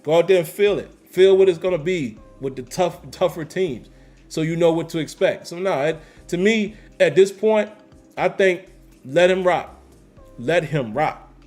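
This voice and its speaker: A man's voice: on the high side, a little mellow. A man hosting a casual livestream, reading chat comments aloud and answering them emphatically with slangy repetition. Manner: emphatic, repeats phrases, slangy. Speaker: host reading live chat.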